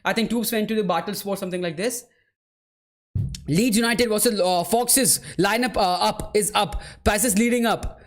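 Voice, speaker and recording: A man's voice: high-pitched, moderate pace. A man hosting a live football watchalong, calling the play and chatting casually with viewers, calling them "bro" and "man" and laughing easily. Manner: laughs easily while answering chat. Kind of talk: live match commentary and chat replies.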